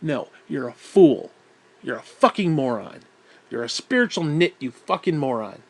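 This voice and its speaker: A man's voice: fairly high pitch, very animated, normal speed. Profane ranting man. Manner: profane, blunt, exasperated, with heavy sighs. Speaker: vlogger. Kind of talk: angry ranting monologue.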